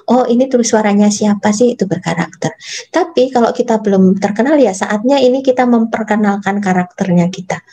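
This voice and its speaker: Soft-voiced woman teaching public speaking. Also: mid-range voice, brisk. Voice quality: soft, gentle voice. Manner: chatty, addresses audience as Bapak Ibu; demonstrates phrasing by reading aloud. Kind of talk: online workshop lecture.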